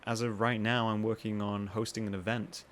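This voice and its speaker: A man hosting a podcast in a casual, rambling monologue, with self-mocking asides and quoted voices acted out higher. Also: flat delivery, normal speed, slight background noise. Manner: acts out what others say in higher voices. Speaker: podcast host.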